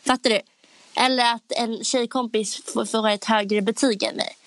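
A young woman co-hosting a podcast in casual chat, talking loudly and acting out voices in quotes. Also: a little high, steady tone. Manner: chatty, acts out voices in quotes; talks loudly by habit. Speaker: podcast co-host.

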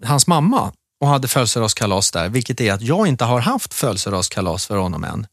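A man's voice: medium pitch, sing-song, dry recording. Thirties male co-host, easygoing and talkative, recorded dry. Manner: chatty storyteller, many restarts. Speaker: podcast co-host. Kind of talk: casual chat.

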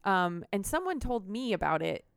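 A woman hosting a podcast in casual chat, full of quick, jokey banter. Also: mid-range voice, very animated, creaky, clear, resonant tone, dry recording, clean studio sound. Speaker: podcast host.

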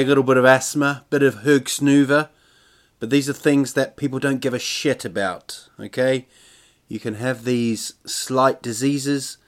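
A man in his forties hosting a solo podcast in a casual, meandering way, hesitant, self-deprecating and prone to swearing. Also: mid-range voice. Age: 40s. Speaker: podcast host and touring comedian.

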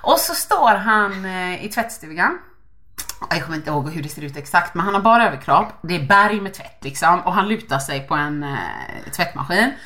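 A woman co-hosting a podcast in casual chat, telling stories animatedly and acting out quotes. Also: on the low side. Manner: animated storytelling, acts out quotes. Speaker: podcast co-host.

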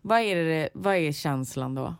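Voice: mid-range voice, expressive, gravelly, smooth, no echo, studio quality. An interviewer asking short, casual questions and giving brief backchannel responses.

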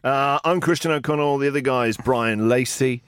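A man's voice: mid-range voice, moderate pace, clean tone, dry recording. Teasing mock-boastful podcast man. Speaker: podcast host. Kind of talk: casual banter podcast.

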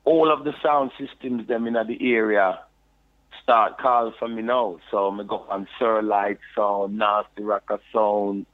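Man, Jamaican patois accent, low voice, tinny phone line, relaxed storytelling. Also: measured pace. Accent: Jamaican patois, London. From United Kingdom. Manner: relaxed patois storytelling, frequent "you know". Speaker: podcast guest, reggae deejay. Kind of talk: casual interview storytelling.

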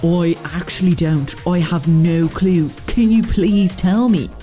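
An earnest, pleading teenage boy at a nineties disco, asking to be forgiven, as a woman reads him out from her old diary. The voice is lowish and mellow. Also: slow, faint music behind. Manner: pleading, apologetic.

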